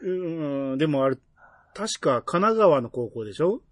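Reading listener mail aloud on his podcast, a relaxed Kansai Japanese host muses through a casual chat. He speaks at a measured pace in a slightly high voice, and the recording is dry and studio quality.

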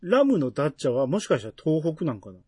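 A man's voice: a little high, fast, husky, no echo, clean studio sound. A man with a Kansai accent, hosting a casual podcast chat and reading listener mail aloud. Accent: Kansai Japanese. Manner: relaxed, musing, reads listener mail. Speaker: podcast host.

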